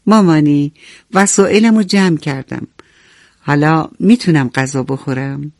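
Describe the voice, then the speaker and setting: A woman's voice: low voice, a little mellow, no echo, clean studio sound. A woman voicing a hungry, sheepish little boy in a bedtime storybook, with a pleading, childlike manner. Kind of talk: storybook narration.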